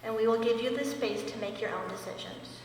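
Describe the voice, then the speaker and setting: A woman's voice: a little high, a little fast, a little hiss or hum. A woman master sergeant giving an earnest, wry speech at her own promotion ceremony. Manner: earnest, wry, emotional at times. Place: large indoor hall. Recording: echoey hall, mic far off.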